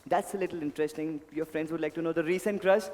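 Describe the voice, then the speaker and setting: Man, high voice, stage mentalist patter, polite showman, reverberant hall recording, music behind. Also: fairly even intonation, fast talker, a little mellow. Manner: showman, polite, addresses volunteers with repeated pleas. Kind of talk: live stage performance patter with audience. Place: indoor event hall, on stage.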